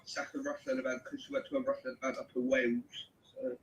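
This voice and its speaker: A man's voice: medium pitch, big pitch swings, quick pace. A man chatting casually on a wrestling podcast, chiming in eagerly with short remarks. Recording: roomy echo.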